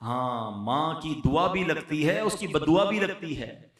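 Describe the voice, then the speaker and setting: High echoing male preacher. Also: lively intonation. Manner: emphatic, swings between loud exhortation and quiet asides. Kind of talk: Islamic sermon. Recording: very echoey room, distant mic.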